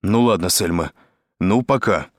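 A busy, irritated man, voiced by a male narrator in his own register, answers in short, low phrases. The delivery stays deep and unhurried. The sound is dry and close to the mic. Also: lively intonation, dry recording. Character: harried man in an office.

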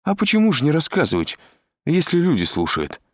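Old gossip woman, read by a man, quick and lively, pitched up, in an audiobook. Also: dry recording, studio quality. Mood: cheerful. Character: chatty old woman who spreads tall tales.

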